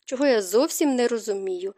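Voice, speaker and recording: A woman voicing a shy, insecure young bride in an audiobook romance, speaking in breathy, gasping tones. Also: a little high, lively intonation, a little fast, warm tone, no room sound, clean studio sound, close to an everyday voice. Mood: vulnerable.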